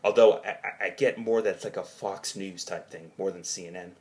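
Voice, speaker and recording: Man, lowish pitch, rambling dream journal, hazy and puzzled, halting, repetitive rephrasing. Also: fairly even intonation, a little mellow. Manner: hazy, puzzled, groping for details; halting, repeats and rephrases himself. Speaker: narrator of own dream journal. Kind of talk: rambling personal dream recounting.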